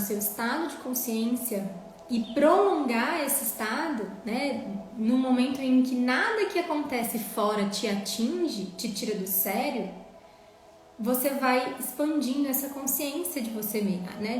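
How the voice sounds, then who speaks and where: A woman's voice: fairly high pitch, a little hiss or hum. Earnest woman teaching in an echoey room. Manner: earnest, emphatic, tags lines with "né?". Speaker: teacher of a parenting class. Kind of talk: live online class talk. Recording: very echoey room, faint music.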